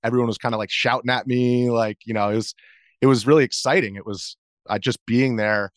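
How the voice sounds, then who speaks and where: Here a video journalist in his thirties, appearing as an interview guest, answers casually but hesitantly, rambling a bit. His medium-pitched voice holds a steady tone and moves a little fast, recorded in clean studio conditions without room sound.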